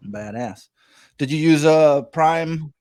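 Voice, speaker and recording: A man in his fifties hosting a casual podcast interview, joking and asking quick questions. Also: on the high side, a little mellow. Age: 50s. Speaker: podcast host.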